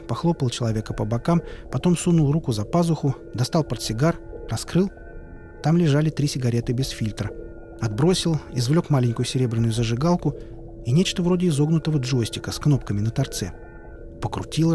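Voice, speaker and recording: A man narrating an audiobook in a steady, even storytelling voice. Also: medium pitch. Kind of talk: scripted narration. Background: music.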